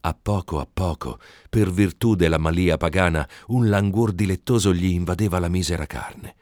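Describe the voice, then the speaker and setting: A man narrating a literary tale in a slow, measured reading. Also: deep voice, darkish tone, dry recording, clean studio sound. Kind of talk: scripted narration.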